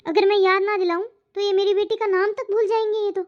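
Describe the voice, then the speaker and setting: A woman voicing a nagging, sharp-tongued middle-aged mother-in-law in a Hindi cartoon moral story, scolding and accusing in turn. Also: very high voice, level tone, fast talker, highs cut off.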